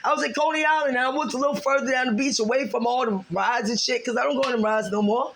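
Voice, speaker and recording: A woman's voice: fairly high pitch, fast, a bit bright, a little hiss or hum. American lady going off in a vlog rant, cussing a lot, heated, repeats herself. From United States. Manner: heated, profane, repetitive, lots of fillers. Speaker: vlogger. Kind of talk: ranting monologue.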